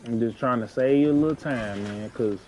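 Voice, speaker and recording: A man with a St. talks while he plays a game, earnest and a bit preachy. He circles back and repeats phrases to press his point home. A faint hiss sits under his mid-pitched voice. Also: brisk. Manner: earnest, preachy, repeats himself, street slang. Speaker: gaming streamer. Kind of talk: casual advice talk while gaming.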